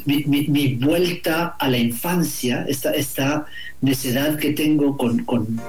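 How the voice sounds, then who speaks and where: Speaking slowly in a fairly high, slightly mellow voice, a middle-aged man from Guatemala reflects on things as an interviewed author, frequently repeating words while searching for phrasing. Soft music plays behind him, and the room has an echo.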